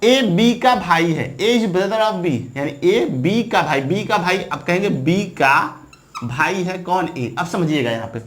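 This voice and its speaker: A man's voice: high voice, lively intonation, measured pace. A man teaching exam students, asking the viewer questions and answering them, often checking in with "right?". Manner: repetitive, checks in with "theek hai na" often. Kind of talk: classroom lecture.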